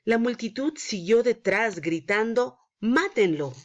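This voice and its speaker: A woman's voice: mid-range voice, expressive, unhurried. Woman Sunday school teacher, storytelling for kids, slightly muffled lo-fi sound. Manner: prays then narrates a Bible story to children. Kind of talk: Bible story lesson for children.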